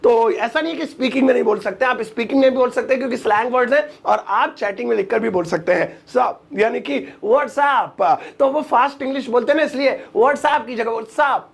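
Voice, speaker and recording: High-pitched gravelly teacher man. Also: fast talker, hardly any pauses. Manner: playful, joking, acts out little dialogues. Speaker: English teacher. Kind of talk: lively spoken English lesson.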